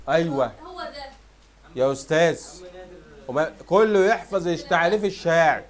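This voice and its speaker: A young man with an Egyptian Arabic accent, teaching a fast exam review and firing questions at students, then answering them himself. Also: fairly high pitch.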